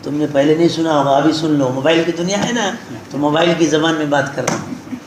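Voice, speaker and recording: A man preaching a sermon, telling a story and speaking straight to his listeners. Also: fairly high pitch. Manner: tells a story and addresses listeners directly. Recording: very echoey hall with background noise.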